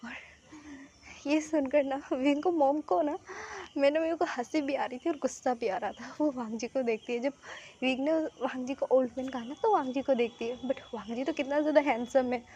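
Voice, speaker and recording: Woman narrator, high voice, chatty storytelling with asides. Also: moderate pace, dark tone, highs cut off.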